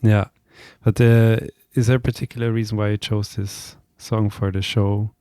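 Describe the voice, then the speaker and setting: A man's voice: fairly low pitch, little pitch movement, normal speed, mellow, smooth, no echo, clean studio sound. A man co-hosting a music radio show, chatting casually and hesitantly about the songs, often trailing off mid-thought.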